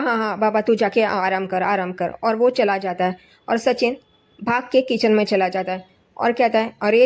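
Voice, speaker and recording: Woman telling what happened in a tv serial, fairly high voice, easygoing recap. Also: darkish tone. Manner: retells scenes and quotes characters' lines in a plain voice. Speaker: narrator recapping a TV serial episode. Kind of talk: casual spoken recap narration.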